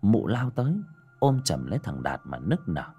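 Man, horror story narration, husky, low voice, lively, dramatic. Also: normal speed, soft background music.

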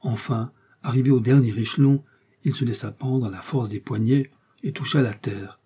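Male audiobook narrator: measured storytelling, warm-dark and husky timbre. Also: mid-range voice, fairly even intonation. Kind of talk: scripted narration.

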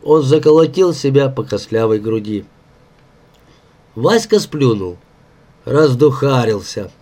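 A man narrating an audiobook in a measured, expressive reading. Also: medium pitch. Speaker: audiobook reader.

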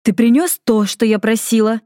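A sharp-tongued young healer girl, voiced in a raised, pressed tone as a woman reader puts her on. She frets and scolds. The sound is dry and close. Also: a little high, steady tone, normal speed, no echo, voice pushed up, natural voice. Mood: scolding.

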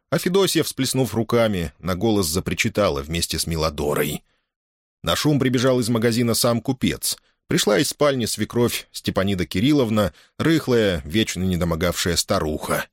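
A man narrating an audiobook with expressive storytelling. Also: fairly low pitch, no room sound, clean studio sound. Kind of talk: audiobook reading.

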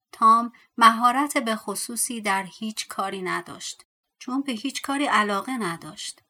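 A woman's voice: on the high side, pushed and bright. A woman narrating a fairy tale audiobook expressively, dropping to a whisper at tense moments. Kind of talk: storytelling narration.

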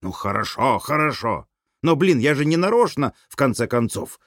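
A man voicing a gruff, stubborn older man who answers in low, curt mutters. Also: big pitch swings, moderate pace, fairly bright tone, dry recording, clean studio sound. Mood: grumbling.

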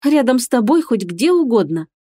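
A woman's voice: on the high side, big pitch swings, normal speed, dark tone, no room sound, pitched above the performer's own voice. Eager young bride in a romance audiobook, voiced by the female narrator, lifted and emotional. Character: young woman, anxious then joyful bride.

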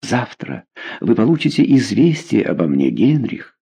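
A man's voice: lowish voice, sing-song, measured pace, vocal fry, warm tone, slightly rough, heavily acted. A man voicing a proud wounded young queen. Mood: wistful.

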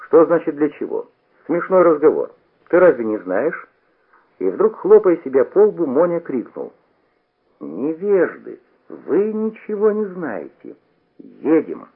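A man puts on an excitable, boastful teenage boy who talks in a raised, eager voice. The pitch jumps around wildly. It plays through a tinny old radio broadcast. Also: normal speed, slightly rough, heavily acted. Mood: excited. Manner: eager, shouting, sing-song.

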